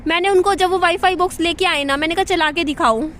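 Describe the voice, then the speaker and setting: A woman's voice: extremely high pitch, fast talker, fairly bright tone, a little hiss or hum. A woman talking straight to camera at home in a chatty, venting vlog monologue, repeating herself as she goes. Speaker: vlogger.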